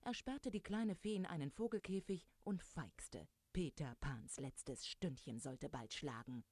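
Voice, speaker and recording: A woman reading a children's adventure story aloud, lively and speaking directly to young listeners. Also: low voice, measured pace, no echo.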